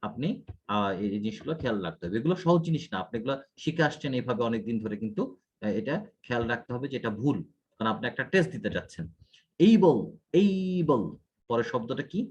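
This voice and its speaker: A man tutoring IELTS races through a student's errors in an animated, mid-range voice with a breathy edge. He is corrective, explaining each mistake point by point in this one-on-one feedback session, captured with lo-fi audio.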